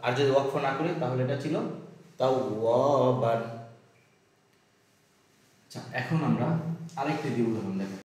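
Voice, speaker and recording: A man teaching the rules for pausing in Quran recitation, patiently repeating each rule, asking and answering his own questions, and chanting the examples slowly. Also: mid-range voice, expressive, darkish tone. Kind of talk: step-by-step lesson with slow chanted examples. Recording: very echoey room.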